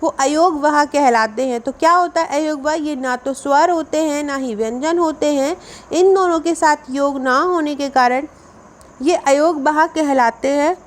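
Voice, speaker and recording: A woman's voice: high voice, unhurried. A woman, teaching Hindi grammar for an exam and explaining step by step, repeating key definitions.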